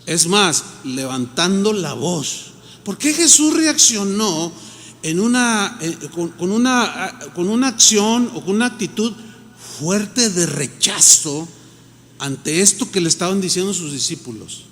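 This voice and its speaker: A man's voice: high voice, lively intonation, measured pace, fairly bright tone, in a large hall. A Mexican man, a pastor, preaching a sermon in a conversational way and acting out the people he quotes.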